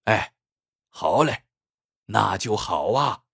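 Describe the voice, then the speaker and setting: A man's voice: fairly low pitch, expressive, normal speed, breathy edge, no echo. A man voicing a friendly, shrewd middle-aged male photo studio owner with a chatty, reassuring salesman tone. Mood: consoling.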